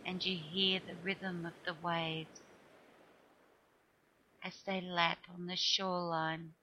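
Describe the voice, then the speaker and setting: A woman narrates a guided relaxation in short, soothing phrases. Her voice is somewhat low and very even, with a crisp, bright edge. She leaves long pauses between phrases as music plays behind her. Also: slight background noise, rough recording.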